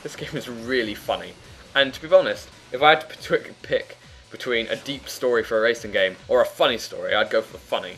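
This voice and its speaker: A man's voice: mid-range voice, a little fast, sharp tone, rough recording. A man giving casual, opinionated let's play commentary in a chatty way. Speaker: gaming commentator and player. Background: faint game music and sound.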